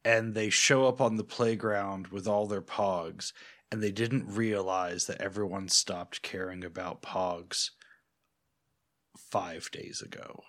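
A man's voice: deep voice, fairly even intonation, slow pace, a bit bright. A man co-hosting a motorcycle podcast in casual chat, with a dry, wry delivery that builds repetitive jokes. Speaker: podcast co-host.

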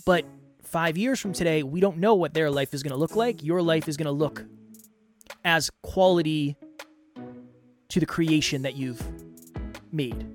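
A man's voice: on the high side, measured pace, pauses often, soft background music. A man hosting a motivational self-improvement podcast, explaining things earnestly in the manner of a life coach. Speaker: podcast host.

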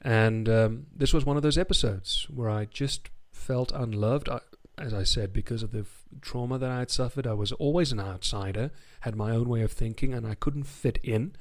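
A man's voice: mid-range voice, moderate pace, hardly any pauses. A man with a modern British RP, Home Counties accent, speaking in an articulate, formal way as a guest in a reflective personal interview. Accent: refined RP, English Home Counties. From South Africa. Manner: articulate, formal extended vocabulary. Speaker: podcast guest.

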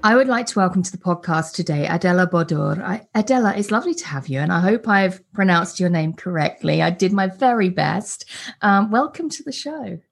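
A woman's voice: on the low side, lively intonation, a little fast, gravelly, soft background music. A woman hosting an interview podcast, chatty and friendly, often restarting her sentences. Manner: warm, chatty, with many restarts. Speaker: podcast host. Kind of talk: casual interview chat.

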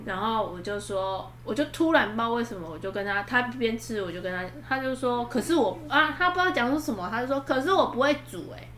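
A woman's voice: on the high side, animated, quick pace, few pauses, a bit bright, slight background noise. A woman chatting casually as a podcast co-host, telling stories in a rambling way and restarting her sentences often. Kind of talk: casual chat, storytelling. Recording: roomy room echo.

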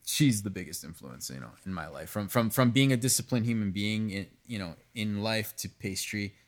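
A man, a pastry chef, talking candidly in a casual podcast conversation, animated, cursing freely and often restarting his sentences. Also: on the low side, normal speed. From United States, raised partly in Venezuela.

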